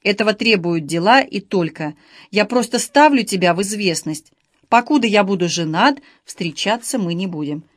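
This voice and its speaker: A woman reading an audiobook, voicing a calm, curt man in his late thirties who talks in a mocking way. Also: mid-range voice, normal speed, dry recording, clean studio sound, lightly acted. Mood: cold.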